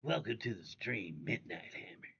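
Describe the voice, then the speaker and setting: Male streamer, toothless slack diction, heavy fry, profane rambling chat, dull lo-fi sound. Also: lowish voice, animated, moderate pace, sharp tone. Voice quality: toothless, slack articulation, upper teeth missing. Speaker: livestream host. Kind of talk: rambling casual livestream chat.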